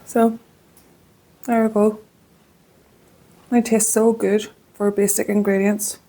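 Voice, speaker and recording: A woman's voice: medium pitch, level tone, takes it slowly, mellow. A woman with a Northern Irish accent hosting a casual cooking vlog from her home kitchen, chatty and homely as she tastes her baking. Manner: chatty and homely, talks while tasting. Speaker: cooking channel host.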